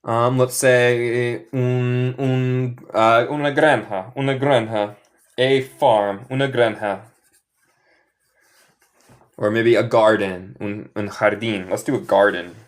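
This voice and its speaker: Male American teacher, live online class, slow careful delivery, switches between Spanish and English. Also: mid-range voice, fairly even intonation. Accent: American English speaking Spanish. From Michigan. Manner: slow deliberate drilling, mixing Spanish and English.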